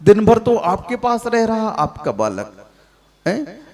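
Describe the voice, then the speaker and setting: High-voiced man scolding in a sermon. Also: big pitch swings, takes it slowly, vocal fry, a little mellow. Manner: scolding, rhetorical questions to the audience. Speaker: Jain monk preacher. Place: large hall at a public event. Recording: long hall reverb.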